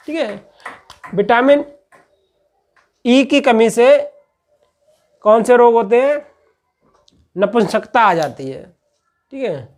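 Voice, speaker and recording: A man teaching a class speaks in a voice that sits high and is a little mellow. In this classroom-style lecture he explains patiently and repetitively, raising questions, answering them himself and checking in with "okay" after each point.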